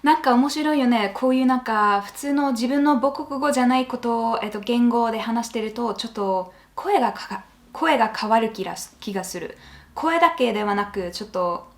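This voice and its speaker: A woman's voice: a little high, brisk. A woman with a lilt chatting casually as she reacts to video clips, thinking aloud with many fillers.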